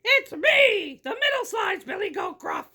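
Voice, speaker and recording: A woman's voice: very high-pitched, sing-song, unhurried, sharp tone, raised voice, voice pushed up, full character voice. A woman voicing a frightened middle-sized billy goat in a storybook, whimpering and wheedling to save himself. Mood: nervous. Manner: whimpering, pleading.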